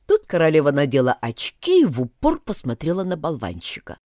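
Woman reading a storybook aloud, super lively up-and-down voice, dry close sound. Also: deep voice, fairly quick, dry recording. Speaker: audiobook narrator. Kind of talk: scripted narration.

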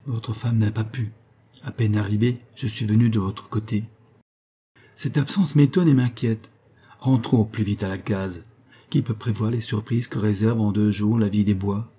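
A man's voice: fairly low pitch, fairly even intonation, normal speed, warm tone, husky. A man playing a resolute exiled father who talks in a firm, commanding way.

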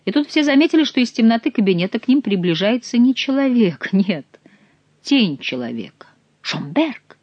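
A woman narrating an audiobook with expressive storytelling. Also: on the high side, fairly quick, no room sound, muffled recording. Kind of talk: scripted narration.

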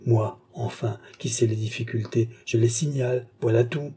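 Casting: male reader as a solemn young disciple, husky and very dark-toned. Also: medium pitch, steady tone. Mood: earnest. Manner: solemn, measured and earnest. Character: young male adept, grave, troubled. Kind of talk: audiobook character voice.

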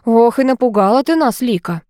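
An earnest, kindly middle-aged village head speaks up for his people, as a woman reading an audiobook puts him on. The voice is pitched a little high and moves a lot. The sound is dry and close. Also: lively intonation, a little fast, mellow, no room sound, lightly acted. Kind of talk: audiobook character voice.

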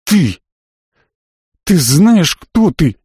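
A man's voice: fairly high pitch, sing-song, drawn-out words, mellow, husky, no echo, studio quality, voice pushed up, heavily acted. A man voicing a fierce young woman who speaks in a mocking, cold and harsh way. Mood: scornful.

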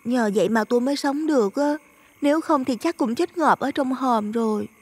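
A man voicing a gentle, playful young village girl in an audio ghost story, speaking softly and chattily. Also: extremely high pitch, normal speed, husky, pitched above the performer's own voice. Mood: explaining.

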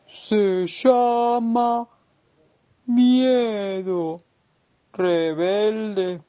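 A woman with an Argentine accent voicing a wise, calm old female tortoise in a children's story, speaking in a slow, deliberate way. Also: medium pitch, voice pushed up.

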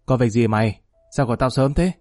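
A man voicing a scheming male gang boss giving gruff commands over the phone in a story reading. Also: medium pitch, a little fast, a little mellow, no echo, faint music behind, lightly acted. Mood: commanding.

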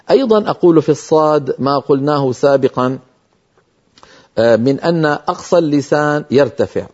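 A man's voice: on the high side, dark tone, dull audio. An older man teaching Quran recitation in a TV lesson, explaining pronunciation patiently and emphatically while sounding out single letters.

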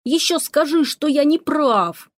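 A woman voicing a squabbling male house cat who whines and shouts complaints, in a storybook reading. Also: a little high, expressive, takes it slowly. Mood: indignant.

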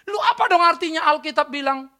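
Her voice very high and her intonation lively, a woman preaches a fairly quick church sermon. Rhetorical questions fly at the congregation, punctuated by emphatic exclamations, as she alternates between loud and hushed.

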